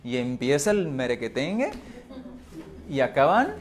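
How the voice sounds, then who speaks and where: Man, mid-pitched, emphatic informal talk, lots of rhetorical questions. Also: sing-song, a little slow. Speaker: speaker on emotional health.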